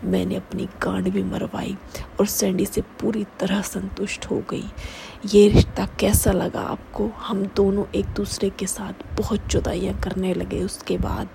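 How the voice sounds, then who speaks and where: A woman narrates a first-person story in a strongly gravelly, fry-heavy voice. Her tone is dark and mellow, and she keeps it hushed and often half-whispered. Her pitch stays flat with little movement. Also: unhurried, slight background noise, poor audio.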